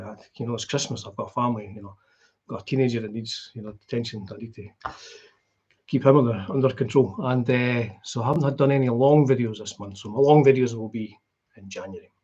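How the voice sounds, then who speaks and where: A middle-aged man with a broad Scottish accent and a husky voice, chatting casually and in a rambling, conversational way as he hosts a live stream. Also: medium pitch, warm tone, lo-fi sound. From Scotland. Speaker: guitar vlogger hosting a live stream. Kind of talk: casual chat.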